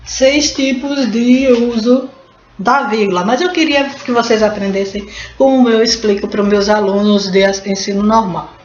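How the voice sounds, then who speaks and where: A woman from Brazil gives a relaxed Portuguese grammar lesson in a roomy space, sounding a little dull and lo-fi over faint background hiss. She talks in a chatty, unhurried way, often stopping to explain and restarting words mid-sentence. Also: fairly high pitch. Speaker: Portuguese teacher. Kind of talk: casual video lesson. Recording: roomy, dull and slightly noisy.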